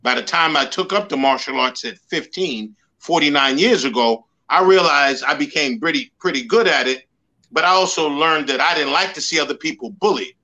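This New Yorker from the Bronx, in his sixties, is a guest on an interview, a life coach and motivational speaker telling his story with earnest emphasis and recurring slogans. His voice runs a little high, bright and forceful at a normal pace, on a low-quality recording.

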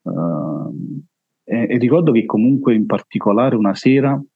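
A man with a Neapolitan accent and a heavy, full voice gives a halting personal testimony as an interview guest. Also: mid-range voice, expressive, gravelly, slightly rough, dry recording, narrow, tinny audio.

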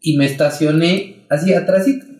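Casting note: young Mexican man, high-pitched and animated, slangy storyteller, roomy echoey sound. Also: normal speed. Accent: Mexican Spanish. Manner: animated, slangy, many fillers and restarts. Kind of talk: casual storytelling chat. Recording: roomy echo.

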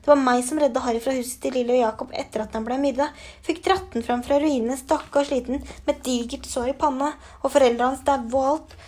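Storybook: a woman as a huge, hot-tempered gamekeeper, loud and rustic, voice pushed higher. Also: fairly even intonation. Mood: furious. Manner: loud, rustic dialect words.

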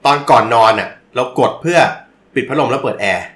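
Brief: quick, mid-pitched male expert, relaxed explainer on a podcast. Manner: explains with casual swearing and laughs. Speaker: network expert guest. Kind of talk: casual podcast chat.

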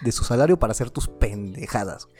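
Mexican dude on a podcast, mid voice, sweary irreverent bro talk, faint music under it. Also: male voice, medium pitch, animated, fairly quick, a little mellow. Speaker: podcast co-host. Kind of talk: casual podcast chat.

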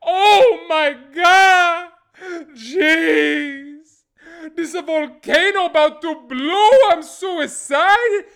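A man's voice: very high voice, extremely slow, vocal fry, pitched above the performer's own voice, heavily acted. A man putting on an overexcited Italian man with an Italian accent who cries out in awe at new machines. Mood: awestruck. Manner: crying out, shouting in awe.

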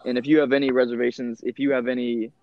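A man's voice: medium pitch, little pitch movement, quick pace, a little hiss or hum. A man speaking earnestly and emphatically in a casual conversation as a podcast co-host. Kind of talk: casual chat. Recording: slightly dull, dry sound.

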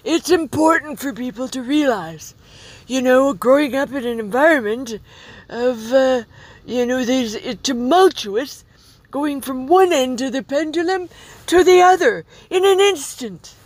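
A woman voicing a kind, wise little old man as a podcast guest, speaking haltingly and earnestly. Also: high voice, expressive, dry recording, voice pushed up, rough recording. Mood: kindly, earnest.

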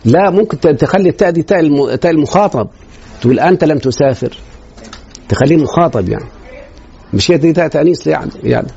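A man's voice: on the high side, lively intonation, fast talker, gravelly, warm tone, slight background noise. A man with an Egyptian Arabic accent teaching a grammar lesson in a classroom, quizzing students with rhetorical questions. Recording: dull lo-fi recording.

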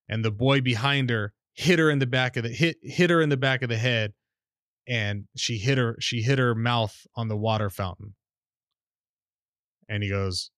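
A man's voice: mid-range voice, clean tone, no echo, clean studio sound. A man hosting a podcast, telling childhood family stories in a casual chat and acting out the voices of the people he quotes. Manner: animated storyteller, acts out quoted voices. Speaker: podcast host.

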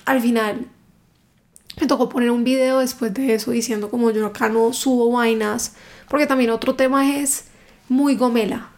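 A woman, a book content creator telling stories in a casual interview, emphatic and animated. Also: fairly high pitch, moderate pace. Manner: animated, emphatic storytelling with reported dialogue.

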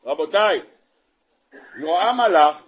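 A man, a rabbi, giving a sermon on the weekly Torah portion, telling the story in an animated way and throwing rhetorical questions at his listeners. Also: high-pitched, slight background noise. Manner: animated storyteller, acting out the scenes; asks the audience rhetorical questions.

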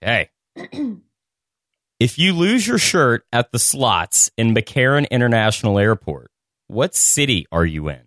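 An upbeat, joking quiz host reads out trivia questions. The voice sits at a middle pitch in a dry, close sound. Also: big pitch swings, unhurried, fairly bright tone, no room sound. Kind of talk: casual hosting, reading quiz questions.

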